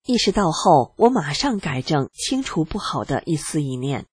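An adult reading a personal testimony aloud in a steady first-person way, earnest and reflective. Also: medium pitch, normal speed, husky, no echo.

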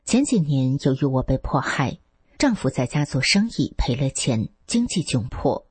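A voice reading a first-person article aloud in a steady, plain manner. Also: mid-range voice, normal speed, breathy edge, no echo, soft background music.

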